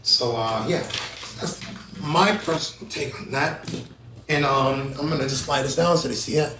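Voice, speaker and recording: A man in his thirties hosting a casual talk show, energetic and rambling, often restarting his sentences. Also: medium pitch, moderate pace, roomy sound, far from the mic, a little hiss or hum, low-quality recording. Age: 30s. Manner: energetic, rambling, self-correcting. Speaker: host.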